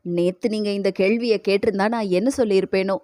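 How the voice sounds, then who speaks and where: A woman voices a kindly middle-aged school head in an audio novel, warm in intent and quick with her questions. She speaks fast in a close, dry voice with no echo around it. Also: medium pitch, steady tone, close to an everyday voice. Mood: amused. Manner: caring, brisk questions.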